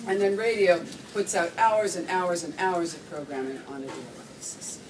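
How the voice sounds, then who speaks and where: Woman, slightly low voice, managing editor, informal explanation to visitors, off-mic, noisy newsroom. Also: fairly even intonation, moderate pace, recorded from a distance. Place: working newsroom. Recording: noisy room, off-mic pickup.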